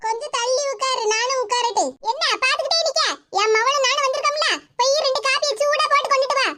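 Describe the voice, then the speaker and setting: A woman voicing a bossy, sharp-tongued mother-in-law over sixty in a cartoon, in a high, squeaky voice. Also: steady tone, fast talker, very noisy. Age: 60s. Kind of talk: cartoon voice acting.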